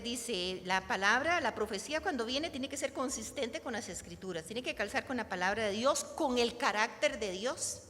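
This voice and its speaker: A woman's voice: fairly high pitch, a bit bright. A woman teaching a church class on prayer in a conversational way, often checking in with her listeners. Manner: conversational, keeps asking "¿verdad?" to the listeners. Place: church hall. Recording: reverberant hall, faint background noise.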